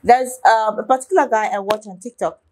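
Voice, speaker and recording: A woman's voice: fairly high pitch, fairly quick. A young woman hosting a reaction video, talking to viewers in a casual, rambling way with many restarts and fillers. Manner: talks straight to viewers, asking their opinion.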